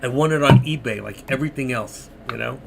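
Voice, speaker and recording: His mid-range voice is gravelly and a little fast, and the recording is very noisy. He is a middle-aged man running a trading live stream, talking casually and at length to chat viewers while his voice fades.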